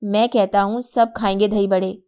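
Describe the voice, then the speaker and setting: A woman's voice: medium pitch, fairly even intonation, moderate pace, clear, resonant tone, lightly acted. A woman voicing a jovial, teasing young man who indulges his little nephew. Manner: playful, loud hawker calls.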